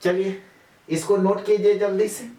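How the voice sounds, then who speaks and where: A man's voice: sits high, flat delivery, unhurried, mellow. A male teacher gives a classroom chemistry lecture, repeating points and quizzing students with rhetorical questions. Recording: echoey room, mic far off.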